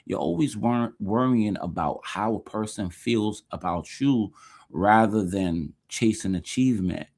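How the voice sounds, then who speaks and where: A man's voice: fairly low pitch, unhurried, darkish tone. A man hosting a casual reaction commentary, talking in a loose, conversational and dismissive way. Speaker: host.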